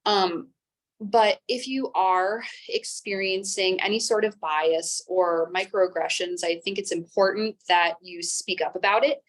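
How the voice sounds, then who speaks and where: A young woman in her twenties, a teacher, speaking as an interview guest in a calm, even, measured tone. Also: mid-range voice. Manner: calm, even-toned speech. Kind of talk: interview conversation.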